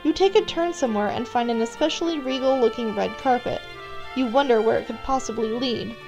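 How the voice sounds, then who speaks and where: Over background music, a woman with a fairly high voice reads a scripted story in the second person, a little fast, casting the listener as the character.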